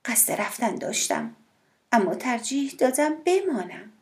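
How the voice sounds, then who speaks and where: A woman narrator voicing Death as a calm, mysterious woman, cool and softly teasing in an audiobook. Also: fairly high pitch, voice pushed up. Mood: calmly assured. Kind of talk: audiobook character voice.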